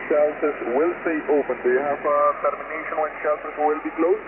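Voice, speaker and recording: Halting man relaying over noisy radio. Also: on the high side, little pitch movement. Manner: halting, with many fillers, repeating details to confirm. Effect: heard over a ham radio. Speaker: relay station operator. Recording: narrow radio band with heavy static.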